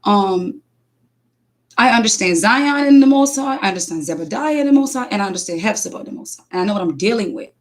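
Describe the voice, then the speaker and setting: Woman, mother, casual spiritual testimony, animated storytelling, acted quotes. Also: mid-range voice, fast talker.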